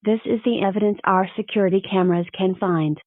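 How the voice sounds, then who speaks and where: A woman's voice: mid-range voice, steady tone, fast talker, no room sound, narrow, tinny audio, natural voice. A synthetic-sounding woman voicing a stern, matter-of-fact cartoon schoolteacher with formal delivery. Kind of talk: scripted cartoon dialogue.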